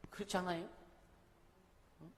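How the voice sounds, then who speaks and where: Man preaching with a higher voice in a reverberant hall. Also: flat delivery, normal speed. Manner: conversational preaching, often asks the congregation questions. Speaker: pastor. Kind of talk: sermon. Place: church sanctuary. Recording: long reverb of a hall, faint noise.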